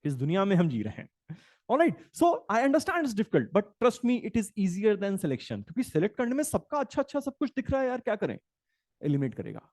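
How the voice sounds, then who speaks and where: This is a middle-aged Indian man running a live exam-prep class, teasing his students and calling them "beta". His voice sits high and moves all over the place. The sound is dry and close, with no room around it. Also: wildly swooping pitch, normal speed, darkish tone, dry recording. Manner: chatty, joking, calls students "beta", mixes in English. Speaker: CAT exam tutor. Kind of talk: live online class in Hindi-English mix.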